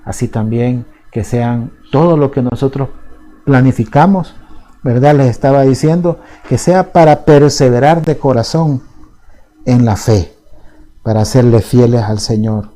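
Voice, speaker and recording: A man, a pastor preaching a sermon in a soft, conversational way. He often checks in with the congregation and repeats words as he searches for them. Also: mid-range voice, measured pace, soft background music, poor audio. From El Salvador. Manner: soft-spoken, conversational, often asks "¿verdad?".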